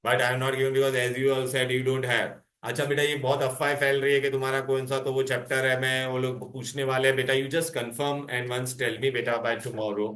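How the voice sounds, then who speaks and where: A male chemistry teacher with an Indian accent rattles through revision at high speed. His voice is bright and forceful, and he slips between English and Hindi, checking on students with question after question. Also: flat delivery, very fast, few pauses. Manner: mixes Hindi into English, prodding students with repeated questions and endearments. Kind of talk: interactive revision class.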